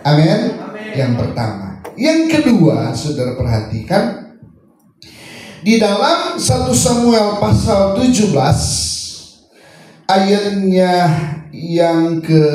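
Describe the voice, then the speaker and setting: Man, pastor, slow unhurried preaching, echoey hall from far off, faint music behind. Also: sits high. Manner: preaching with sudden rises into sung, shouted phrases. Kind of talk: sermon. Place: church.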